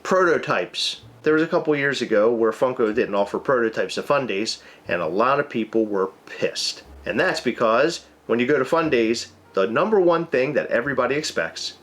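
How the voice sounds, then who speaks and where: A man's voice: mid-range voice, expressive, moderate pace, few pauses, a bit bright. A man co-hosting a casual chat, joking and whiny, and congested with a cold. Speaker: co-host.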